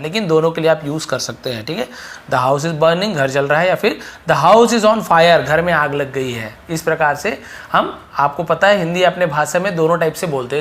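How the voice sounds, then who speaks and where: Male teacher, spoken English lesson; slow, clear drilled example phrases, brisk explanations in between. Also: a little high, a bit bright. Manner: says example sentences slowly and clearly, explains quickly.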